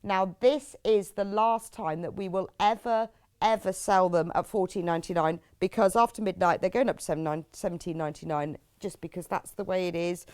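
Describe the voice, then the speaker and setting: This middle-aged British woman has a medium-pitched, slightly dark voice and a British English accent. Presenting a live craft shopping show, she chats in a loose, rambling way, leans on tag questions, and reads viewers' messages aloud.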